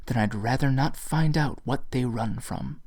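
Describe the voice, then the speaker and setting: A man's voice: mid-range voice, measured pace, darkish tone, no room sound. A man voicing a wary, polite young woman adventurer in a raised, earnest voice.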